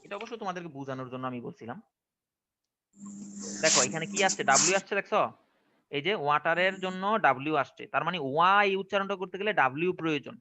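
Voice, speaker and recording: Fast, bright Bangladeshi teacher. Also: male voice, fairly high pitch, a little hiss or hum. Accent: Bangladeshi Bengali. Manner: questioning, checks understanding often. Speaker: English teacher. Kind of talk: online classroom lesson.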